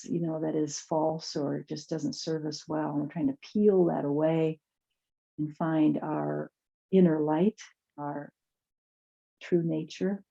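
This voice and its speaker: Female yoga instructor, lowish creaky voice, soft unhurried guided-relaxation delivery, slightly muffled lo-fi recording. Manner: soft, soothing, unhurried guidance with pauses. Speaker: chair yoga teacher.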